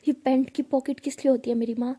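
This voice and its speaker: A woman voicing a quick-tempered young college woman who scolds and teases, slightly higher than her narration, with a mellow tone. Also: flat delivery. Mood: teasing scolding. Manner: scolding, bossy, hot-tempered.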